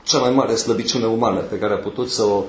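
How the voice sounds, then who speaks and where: A man preaching a sermon, moving slowly through numbered points with pauses between phrases. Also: fairly low pitch, steady tone, roomy sound, slight background noise, low-quality recording.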